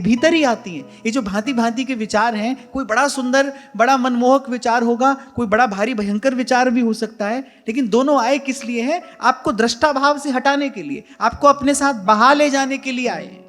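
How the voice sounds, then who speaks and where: A man's voice: very high-pitched, fairly bright tone. A man, a spiritual teacher, giving a devotional discourse in an earnest way. He repeats key phrases for emphasis and speaks to his listeners as brothers. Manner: addresses listeners directly as "brother". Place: ashram hall.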